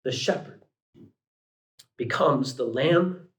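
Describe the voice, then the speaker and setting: A man's voice: mid-range voice, expressive, slow pace. A man in his thirties preaching a sermon, building to emphatic peaks with casual asides. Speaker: pastor. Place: church sanctuary. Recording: echoey church room.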